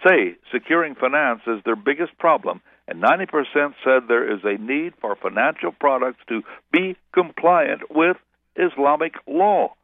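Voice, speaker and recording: A guest pastor calls into a radio interview, talking at normal speed in a slightly high, animated voice. He rambles and self-corrects, and the telephone audio is tinny and dry, without room sound.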